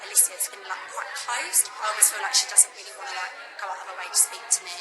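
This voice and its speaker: A woman's voice: mid-range voice, quick pace. A twenty-year-old woman, chatty and full of "like", talking as a contestant. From Essex, England. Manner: chatty, lots of "like". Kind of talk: casual chat and confessional. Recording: loud music and crowd behind.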